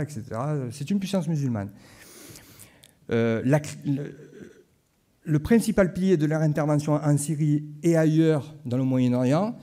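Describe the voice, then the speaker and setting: Dark-voiced man with a Marseille accent. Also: mid-range voice. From Marseille, France. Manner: conversational, asides to the audience. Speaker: conference speaker. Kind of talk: conference talk. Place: conference hall.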